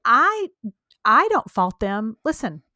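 A woman's voice: fairly high pitch, big pitch swings, takes it slowly, pushed and bright, no room sound. Opinionated woman podcast co-host, dry sound. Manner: opinionated, emphatic, laughs often. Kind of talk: casual chat.

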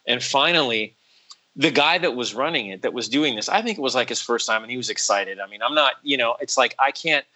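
Musician guy on a podcast, bright tense voice, rambles w lots of "you know", jumps into loud quotes. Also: mid-range voice, fairly quick, poor audio. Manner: animated, acts out quotes in raised voices; rambling with many fillers and restarts. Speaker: podcast guest, musician and voice actor. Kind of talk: casual storytelling chat.

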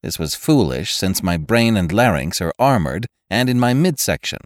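A man voicing a stern male police robot that recites charges in a flat, officious way. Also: on the low side, moderate pace, no echo, clean studio sound, pitched below the performer's own voice.

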